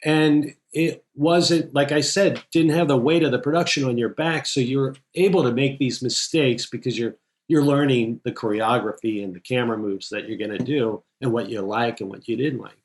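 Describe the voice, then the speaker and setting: A man's voice: medium pitch, moderate pace. A man, a film editor, chatting casually in an interview and telling anecdotes with quoted dialogue. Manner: enthusiastic storyteller, quotes people in his anecdotes. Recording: echoey room.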